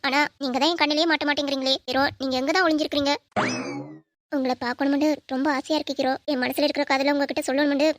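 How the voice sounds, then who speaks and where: A woman's voice: sits high, no room sound, studio quality, natural voice. A young woman voicing an emotional, lovestruck college girl in an audio drama, speaking in a pleading way. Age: young adult.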